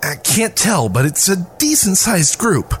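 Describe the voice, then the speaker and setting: A woman's voice: on the low side, sing-song, measured pace, a little hiss or hum. A woman acting a watchful lookout in an audio drama, reporting in an alert, clipped way. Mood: alarmed. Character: tense, watchful female lookout reporting threats.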